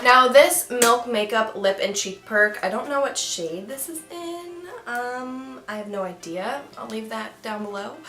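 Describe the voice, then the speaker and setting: A woman's voice: mid-range voice, fairly bright tone, reverberant. A young woman talking through a makeup tutorial in a chatty, giggly way with self-mocking asides. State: hiccups. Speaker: beauty vlogger.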